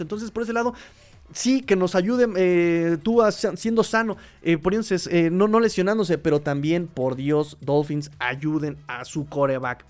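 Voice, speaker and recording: Male sports host, fairly high voice, animated, rambling with fillers. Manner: animated, excitable, with many fillers and restarts. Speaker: podcast host. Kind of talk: casual sports talk, reading viewer comments.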